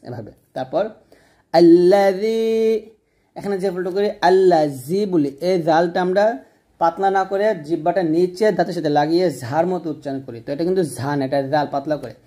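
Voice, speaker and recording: A man teaching Quran recitation who explains common pronunciation mistakes in plain speech, then chants slow, drawn-out syllables for listeners to repeat. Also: fairly high pitch, mellow. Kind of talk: step-by-step recitation lesson.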